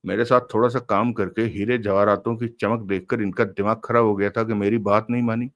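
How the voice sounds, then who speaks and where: A man's voice: on the low side, little pitch movement, fairly quick, dry recording, lightly acted. A man voicing a shaken male robber in an audiobook, bitter and rueful.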